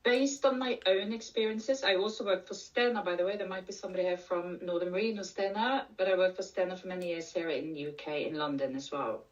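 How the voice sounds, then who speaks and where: A middle-aged Norwegian woman with a Norwegian accent talks fairly quickly and with few pauses in a lowish voice, captured from a distance in a muffled recording. She is a menopause coach and speaker giving an earnest conference presentation, repeating key points for emphasis.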